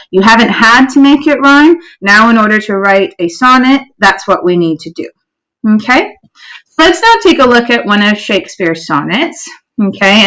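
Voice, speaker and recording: A woman teacher giving a recorded poetry lesson to pupils, explaining clearly and patiently, often checking in with "okay?" and reading verse slowly. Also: medium pitch, a bit bright, low-quality recording. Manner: reads verse slowly, stressing syllables.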